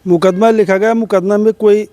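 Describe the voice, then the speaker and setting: A man's voice: sits high, steady tone, normal speed, warm tone, no echo. A middle-aged man tells a reporter about his case, tearful and pleading. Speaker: complainant.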